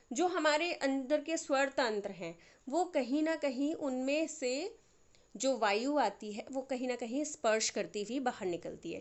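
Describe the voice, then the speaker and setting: A woman's voice: high voice, fairly bright tone. A woman teaching a lesson who explains patiently, step by step, and keeps checking that everyone follows. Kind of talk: classroom lesson.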